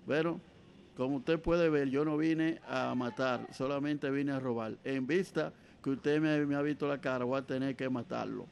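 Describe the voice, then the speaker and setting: A man voicing a calm, deliberate armed burglar in a joke, with a Dominican accent. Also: medium pitch, creaky, a little hiss or hum, close to an everyday voice. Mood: menacing.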